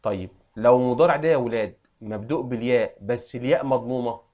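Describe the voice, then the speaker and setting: A young adult man with an Egyptian accent, teaching an Arabic grammar lesson and quizzing students with quick questions. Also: mid-range voice, darkish tone. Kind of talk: classroom lesson.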